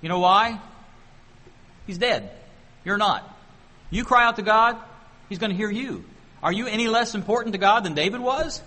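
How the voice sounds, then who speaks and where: A man preaching a sermon, asking the congregation questions and slowing down to read scripture aloud. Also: high voice, bright, forceful tone. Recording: long hall reverb.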